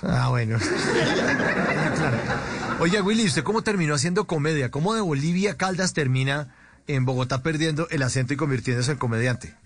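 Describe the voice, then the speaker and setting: A man's voice: a little high, a little fast. Upbeat man hosting. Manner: upbeat, chatty, prompting questions. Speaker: radio podcast host. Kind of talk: casual interview hosting.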